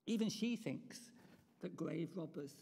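In a church with long reverb, a preacher delivers an Easter sermon reflectively, posing rhetorical questions to the congregation. The voice is mid-range, animated yet unhurried, creaky, and warm.

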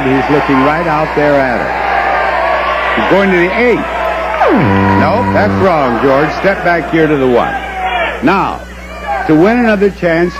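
An older man hosting a game show before a studio audience, with a measured, teasing showman's delivery. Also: fairly high pitch, rough recording. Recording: loud studio crowd and music behind. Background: loud audience and music.

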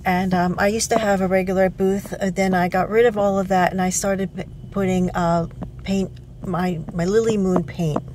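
A woman in her fifties presents her antique booth finds in a casual show-and-tell vlog, going from her living room to her car and an antique mall. Her medium-pitched voice stays level at normal speed, peppered with ums and self-corrections, and there's background noise.

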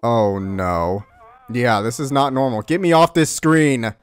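A man's voice: mid-range voice, measured pace, slight background noise. A man hosting a gaming video, giving casual reaction commentary on a horror game. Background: music.

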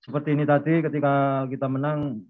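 A man's voice: fairly high pitch, little pitch movement, brisk. A man, a football player, giving formal and grateful answers at a post-match press conference. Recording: dull lo-fi sound.

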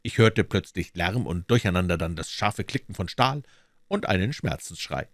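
A man reading a classic detective story aloud in steady audiobook narration. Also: low-pitched, moderate pace, no room sound. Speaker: audiobook reader.

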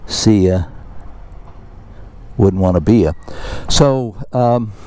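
A man's voice: fairly low pitch, slow, darkish tone, slight background noise. A man giving casual running commentary while he fuels his motorcycle outdoors at a fuel station. He talks in a wry, self-mocking way, full of chatty asides. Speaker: motorcycle vlogger.

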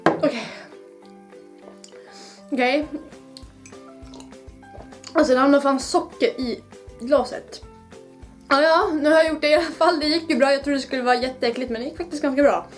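A woman's voice: high-pitched, pauses often, soft background music. Giggly young Swedish woman vlogging. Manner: giggly, nervous, swears freely. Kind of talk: casual challenge vlog. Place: home, then outdoors by her car.

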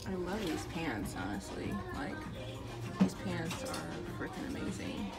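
A woman's voice: deep voice, big pitch swings, measured pace, loud music behind the voice. A young woman chatting casually into a handheld phone in a store fitting room, gushing about clothes and dropping plenty of "like"s. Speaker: vlogger. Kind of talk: casual shopping vlog. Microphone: phone held in hand.

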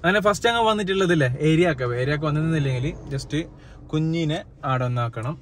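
A man's voice: fairly high pitch, fast talker, fairly bright tone, slight background noise. A man hosting a casual family vlog, chatty and often breaking off to call to his children. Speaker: family vlogger. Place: at home and in the family car.

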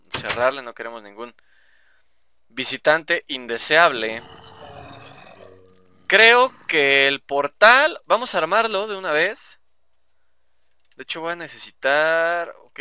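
A man's voice: mid-range voice, animated, normal speed, pushed and bright, a little hiss or hum. A young man with a Mexican Spanish accent giving casual, chatty gameplay commentary, swearing and talking to himself. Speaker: gaming YouTuber.

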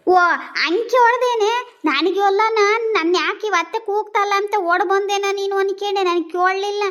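A woman's voice: very high voice, fairly even intonation, normal speed, fairly bright tone. A woman playing a hard-of-hearing village mother-in-law in a comedy sketch, talking in a complaining way. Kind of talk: rural comedy sketch dialogue.

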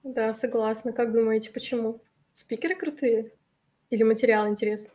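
Over a webcam on a video call, a webinar host in her thirties reads viewers' chat messages aloud and responds in a friendly way. Slightly hoarse from allergies, she speaks briskly in a mellow, steady, somewhat high voice.

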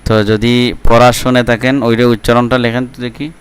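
A man teaching Quran reading, drilling letter sounds slowly syllable by syllable and breaking off into quick remarks to viewers. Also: medium pitch, level tone, clean tone. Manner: slow, drawn-out syllable drilling, then quick asides to viewers. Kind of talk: live online lesson, drilling letter sounds.

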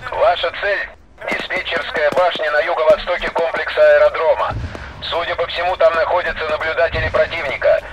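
A man's voice: a little high, little pitch movement, brisk, lo-fi sound, very noisy. An actor playing a male squad commander who gives orders over a walkie-talkie radio in clipped, formal military protocol. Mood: commanding. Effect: heard over a walkie-talkie radio. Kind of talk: scripted game voice acting. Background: game music.

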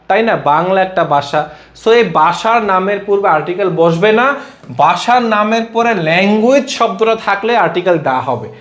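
A male tutor with a fairly high voice gives an exam-prep grammar lesson. He keeps asking questions and answering them himself, repeating each rule. The room around him is echoey. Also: fairly bright tone. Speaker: English grammar teacher.

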